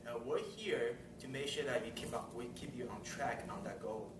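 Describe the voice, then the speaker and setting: Here a man at normal speed and mid-range pitch hosts a club gathering, chatting warmly through announcements and laughing often. The distant mic picks up a roomy meeting room and loud ambient noise.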